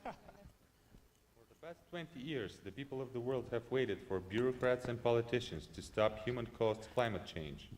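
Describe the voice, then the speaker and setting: A man's voice: medium pitch, lively intonation, normal speed, darkish tone, a little hiss or hum. A man from Bulgaria, an entrepreneur, reading a scripted promo voice-over in an earnest, declarative way. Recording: reverberant video soundtrack.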